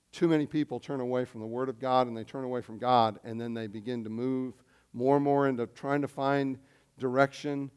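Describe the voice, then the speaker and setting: A man preaching a sermon as pastor, swinging between loud emphasis and quiet asides. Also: medium pitch, smooth.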